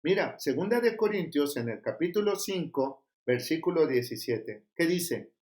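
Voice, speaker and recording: A middle-aged Mexican pastor preaching a sermon, scolding and emphatic, firing rhetorical questions at the congregation. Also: male voice, a little high, expressive, normal speed, a little mellow. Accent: Mexican Spanish.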